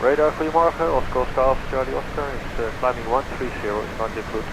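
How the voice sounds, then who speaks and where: Fast male pilot checking in by radio. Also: medium pitch. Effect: aviation radio. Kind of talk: clipped radio check-ins and readbacks. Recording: noisy cockpit radio transmission.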